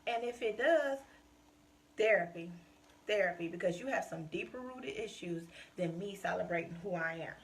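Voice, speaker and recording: A woman's voice: on the low side, lively intonation, fairly quick, hardly any pauses. A woman hosting her own podcast, talking straight to listeners in an emphatic, passionate way. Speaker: podcast host. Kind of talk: casual solo podcast monologue.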